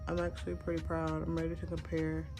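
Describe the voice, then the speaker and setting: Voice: mid-range voice, monotone, fast talker, over music. A makeup tutorial host chatting casually, with a sassy, campy, playful manner. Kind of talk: casual chat while doing a makeup tutorial.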